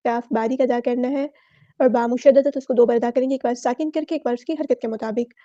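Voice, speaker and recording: Woman tajweed teacher with a Pakistani Urdu accent, high and level, mellow tone, slow chanted words between quick explanations. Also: steady tone, no room sound, highs cut off. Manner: slow drawn-out recitation alternating with brisk explanation. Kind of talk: word-by-word recitation lesson.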